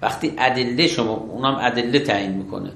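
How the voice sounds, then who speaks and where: A man, a religious law scholar, explaining rulings step by step in an interview, measured and methodical. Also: medium pitch, gravelly, fairly bright tone, echoey room. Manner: measured, methodical, affirms with short approvals.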